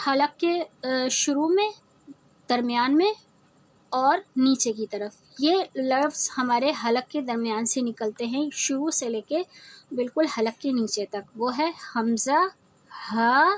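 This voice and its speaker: Woman, high voice, tajweed lesson, patient, explanatory, demonstrates sounds. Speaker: Quran recitation teacher.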